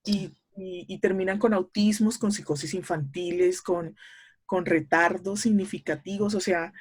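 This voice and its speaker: A middle-aged woman speaks as an interview guest, laying out clinical points in a measured, teacherly manner. She pauses often with small hesitation fillers as she works through her explanation. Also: fairly low pitch, fairly even intonation, a little mellow, husky. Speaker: speech therapist guest.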